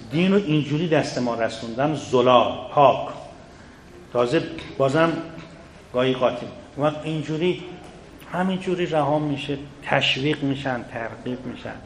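A man giving a religious lecture to seminary students, earnest and full of rhetorical questions aimed straight at his listeners. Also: mid-range voice. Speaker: seminary teacher. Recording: echoey room, faint background noise.

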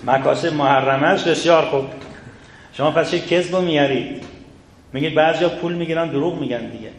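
A man's voice: on the high side, creaky, pauses often. A man giving a religious lecture to seminary students, earnest and full of rhetorical questions aimed straight at his listeners. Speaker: seminary teacher. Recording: echoey room, faint background noise.

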